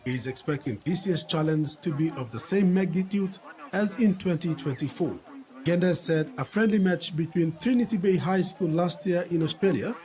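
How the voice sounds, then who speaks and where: A man reading the evening news in a measured, formal way. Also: fairly high pitch, a little mellow. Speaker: news presenter.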